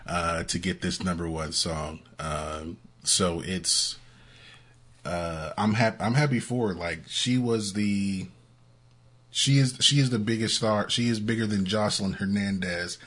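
Husky deep-voiced man hosting a podcast. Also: measured pace, a bit bright. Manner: chatty, laughs often, fillers. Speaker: podcast co-host. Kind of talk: casual podcast chat.

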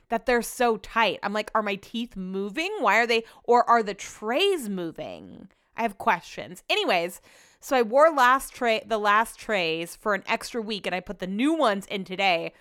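A woman's voice: mid-range voice, fairly bright tone, clean tone, no room sound, clean studio sound. A young American woman with a slight slushy lisp on her s sounds, chatting casually and slangily as she recounts stories on her own podcast. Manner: chatty, slangy, animatedly quotes herself and others. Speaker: podcast host.

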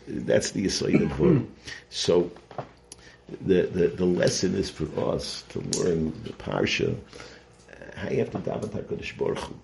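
Low-voiced man giving Torah lecture. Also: gravelly, a little mellow. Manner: conversational, halting, repeats phrases, rhetorical check-ins. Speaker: rabbi giving a Torah lesson. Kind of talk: informal sermon, Torah lecture.

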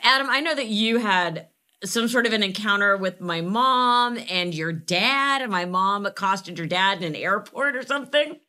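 A woman's voice: mid-range voice, lively intonation, moderate pace, bright, forceful tone. A woman hosting a casual panel chat, teasing and laughing often. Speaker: host.

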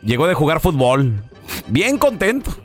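A man's voice: on the high side, huge pitch swings, unhurried, soft background music. A man with a Mexican accent hosting a radio comedy show, teasing co-hosts and telling jokes.

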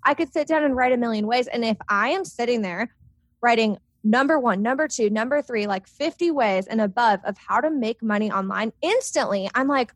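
A young woman talks in a relaxed, upbeat way, her speech quick to pile on fillers as she goes. Her voice sits a touch high. The recording is close and very dry, with no room sound. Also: no room sound. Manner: upbeat, animated, many "like" fillers. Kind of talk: casual chat.

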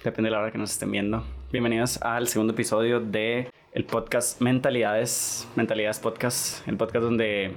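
A man's voice: fairly low pitch, flat delivery, moderate pace, hardly any pauses. A young man hosting a podcast in casual chat, talkative and full of tag questions. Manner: chatty, repeats himself, lots of "¿verdad?". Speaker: podcast host.

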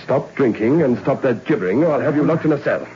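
On a dull, lo-fi old radio recording with faint hiss, an actor plays a stern prison governor who is an army major in a 1960s radio drama, speaking in a clipped, commanding way. His mid-range voice is expressive, fast and warm, with light acting.

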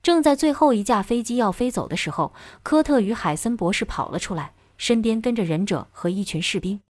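A woman narrating a novel chapter as an audiobook in steady, even storytelling. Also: medium pitch, fairly quick, dry recording.

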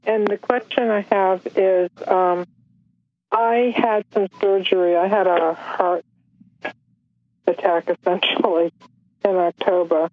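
A woman calling in to a radio show by phone, speaking haltingly, with pauses and restarts. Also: on the low side, fairly even intonation, dry recording. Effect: heard over a phone line on a radio call-in show. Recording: muffled phone-line sound.

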